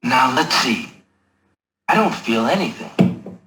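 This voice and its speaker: An actor playing an earnest, gallant young prince in a video game, speaking formally. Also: male voice, medium pitch, expressive, takes it slowly, a bit bright, roomy sound, faint music behind. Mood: curious. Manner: formal, well-spoken.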